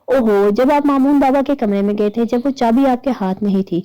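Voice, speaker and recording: A woman's voice: fairly high pitch, dark tone, muffled recording, lightly acted. A woman voicing a timid, nervous male neighbour who talks anxiously and in a hurry. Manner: anxious and hurried.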